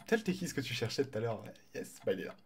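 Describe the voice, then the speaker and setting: Excitable French-speaking male game caster. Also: mid-range voice, fast. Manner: excitable, chatty, greets viewers, swears casually. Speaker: tournament caster and streamer. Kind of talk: live game commentary.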